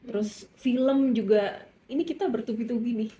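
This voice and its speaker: A woman's voice: a little high, moderate pace, mellow. A woman with an Indonesian accent, a journalist asking a question in a conversational, somewhat hesitant way at a press event. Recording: echoey room, faint noise.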